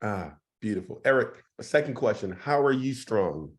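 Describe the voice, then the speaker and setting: A man with a hoarse, partly lost voice, hosting a casual interview in an encouraging, appreciative way. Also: on the low side, expressive, normal speed. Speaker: host.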